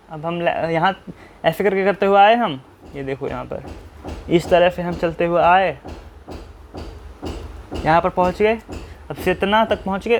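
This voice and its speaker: A man with a high voice teaches like a tutor. He spells every name out slowly, one letter at a time. He often asks a quick question and then answers it himself. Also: slight background noise. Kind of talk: map-drawing tutorial.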